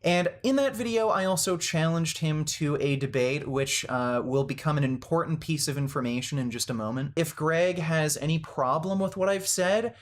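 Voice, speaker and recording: A man's voice: a little high, normal speed, hardly any pauses. A man speaking to camera in a blunt, combative commentary on a fitness dispute. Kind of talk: casual commentary video.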